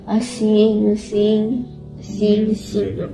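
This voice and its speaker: A teenage girl gives an emotional interview testimony, speaking earnestly but haltingly and repeating words again and again. Her mid-range voice is creaky and completely flat in delivery, with music playing underneath.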